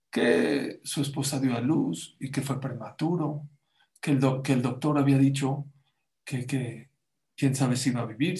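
A man telling a story to a gathering, acting out the dialogue with lively shifts in his voice. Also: fairly high pitch, echoey room. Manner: animated, acts out dialogue. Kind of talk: storytelling talk.

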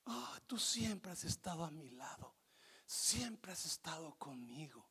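Man playing a dying old husband, gravelly, hushed, feeble whisper. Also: very high-pitched, very animated, moderate pace, voice pushed up, exaggerated voice. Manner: weak hushed murmur with whispered words.

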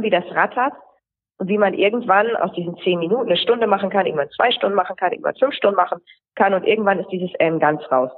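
A woman's voice: mid-range voice, breathy edge. A woman rhetoric coach answering interview questions, explaining at length and listing examples in runs. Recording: tinny phone-like line.

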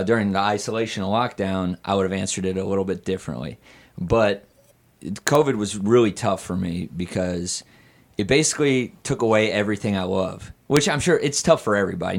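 A man's voice: lowish voice, a little fast, vocal fry. A hungover man chatting candidly and casually as a podcast guest, a bit hesitant and rambling.

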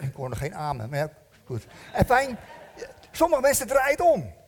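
Man, preacher, lively sermon, high animated voice, jokey, long hall reverb. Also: moderate pace. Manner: animated, jokey, asks the congregation questions. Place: church hall.

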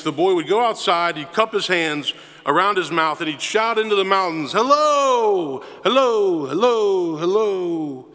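A man's voice: fairly high pitch, sharp tone, long reverb tail. A man preaching a sermon as pastor, emphatic and repeating phrases for effect.

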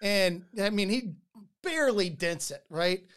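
Animated storytelling podcast host. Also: medium pitch, measured pace, smooth. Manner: animated, repeats words when starting sentences.

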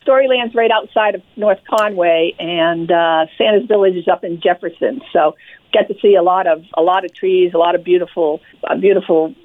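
An older woman with a Maine accent, president of a nonprofit, is a guest on a casual radio interview. Her fairly low voice is steady and moderately paced; she's friendly, repeats words, and says "yep" a lot. The sound comes over a tinny, dry phone line with no echo.

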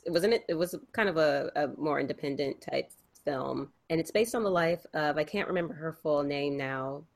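A woman's voice: low voice, moderate pace. A young woman co-hosting a podcast, chatting casually and rambling with many fillers and restarts. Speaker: podcast co-host. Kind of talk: casual chat.

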